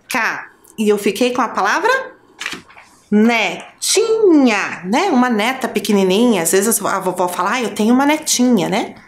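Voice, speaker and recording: A woman with a Brazilian accent teaching a children's lesson, counting and spelling out syllables slowly for young pupils. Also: medium pitch, fairly bright tone, slight background noise. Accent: Brazilian Portuguese. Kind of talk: children's lesson on a school TV channel.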